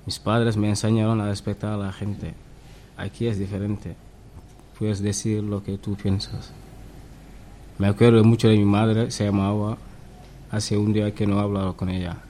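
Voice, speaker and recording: A man's voice: fairly low pitch, dark tone, slight background noise. A man from Senegal, a Serer speaker, reading his own simple text with small slips on a school radio show.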